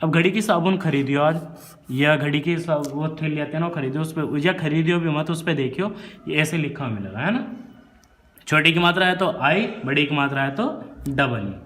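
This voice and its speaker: A man's voice: on the high side, moderate pace, a bit bright. A man teaching a spelling lesson who keeps quizzing his student, repeating each answer and checking "right?". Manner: adds frequent "right?" check-ins.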